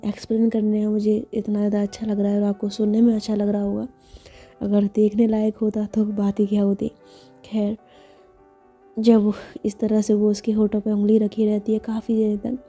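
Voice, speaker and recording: A woman's voice: medium pitch, mellow. A woman narrating a love story in a chatty way, speaking directly to her listeners.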